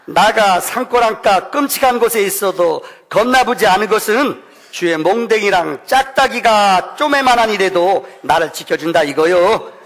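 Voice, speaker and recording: A man voicing an excitable, exclamatory man with a Jeolla accent, reciting a psalm in a sermon. He speaks in a long church hall reverb. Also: high voice, normal speed, voice pushed up. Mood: exclaiming. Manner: exclamatory, animated dialect.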